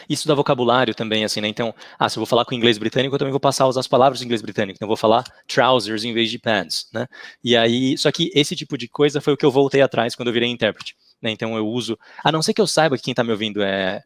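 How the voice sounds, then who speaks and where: Man, podcast guest, rapid delivery, dry close sound, chatty storyteller. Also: mid-range voice, dry recording. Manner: chatty storyteller, tags sentences with "né". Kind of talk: casual podcast chat.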